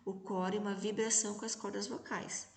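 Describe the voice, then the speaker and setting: A woman's voice: medium pitch, little pitch movement, gravelly, darkish tone. Patient Brazilian teacher woman, echoey room. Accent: Brazilian Portuguese. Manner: slow, patient, stretches out syllables and sounds. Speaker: primary school teacher. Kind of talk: recorded remote lesson for young children.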